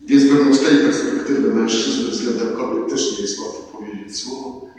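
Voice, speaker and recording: A man preaching as a priest, solemn and deliberate, repeating key words for weight. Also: mid-range voice, darkish tone. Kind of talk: sermon. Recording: echoey hall from far off.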